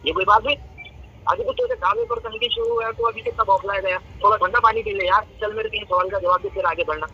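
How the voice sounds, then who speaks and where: Man debating by phone, taunting and insistent, high lively voice, muffled with a faint hiss. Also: fast talker, husky. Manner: taunting, insistent, repeats his question. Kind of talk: heated religious debate over a phone call.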